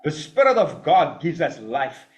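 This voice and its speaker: A man preaching a sermon in an emphatic, animated way, with mocking asides. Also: a little high, measured pace, faint music behind. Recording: roomy echo.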